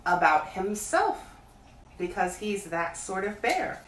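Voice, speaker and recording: Woman as Christopher Robin, curious boy, higher, echoey. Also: big pitch swings, takes it slowly. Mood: coaxing. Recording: echoey room, distant mic, faint hiss.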